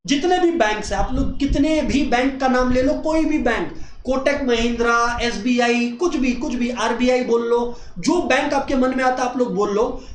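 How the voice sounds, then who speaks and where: Male teacher, career-guidance talk, explanatory and friendly with students, mixes in English, echoey classroom sound. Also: very high-pitched. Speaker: commerce teacher and chartered accountant. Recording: echoey room with faint noise.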